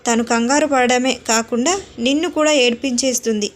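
A woman's voice: on the high side, moderate pace, close to an everyday voice. A woman voicing an affectionate, playful young husband and father who teases his wife. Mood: fond scolding. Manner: playful, teasing.

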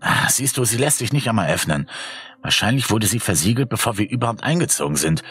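A man's voice: on the low side, sing-song, fast, a bit bright, husky, faint music behind, heavily acted. A man voicing a nervous teenage boy who hesitates and stammers. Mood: anxious. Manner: hesitant, stammering, many fillers.

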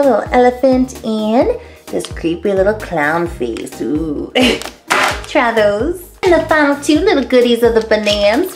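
Woman host, casual and cutesy candy review; lively, swooping delivery, slightly high. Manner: gushing, animated, cutesy. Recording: faint background music.

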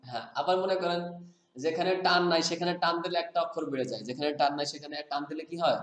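A man's voice: a little high, fairly quick, a bit bright, echoey room. A man teaching Quran reading rules in conversation, often asking his student to repeat the answer back to him.

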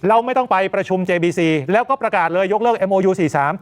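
A male news anchor giving emphatic, animated commentary. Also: sits high, racing.

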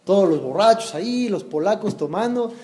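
A man, a rabbi giving an animated storytelling sermon who acts out voices and questions his listeners. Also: high-pitched, normal speed. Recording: long hall reverb.

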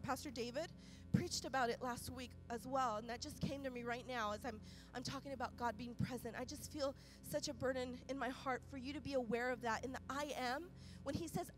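A woman pastor preaching a sermon with impassioned delivery, moving from loud urgent peaks to quiet soft passages and often repeating phrases. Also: sits high. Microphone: microphone.

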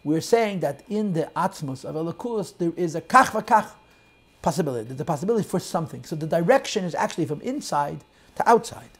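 A man teaching a Chassidic text class, explaining in English sprinkled with Hebrew and Yiddish terms and shifting between loud and soft emphasis. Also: fairly high pitch, lively intonation, a little fast, slightly rough. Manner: quotes and translates lines of text, swings loud and soft. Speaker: Torah teacher.

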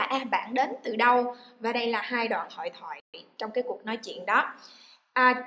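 A woman teaching an English lesson to a class, explaining and then saying model words with strong stress for students to repeat. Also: fairly high pitch. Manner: switches between explaining and loud, stressed model words for repetition. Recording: echoey room.

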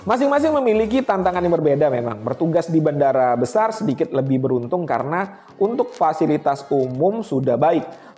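This man's voice sits on the high side with a darkish tone. An air traffic controller who hosts his own channel, he talks conversationally to camera, treating viewers as friends and tossing them rhetorical questions. He's in a small, studio-like indoor room, recorded on a clip-on lapel mic.

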